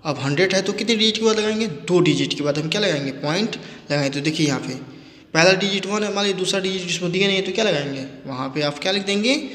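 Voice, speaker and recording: A man with a high, fairly bright voice talks fast while teaching a maths lesson aloud. He asks questions and answers them himself, repeating each step. The room is echoey with long reverb.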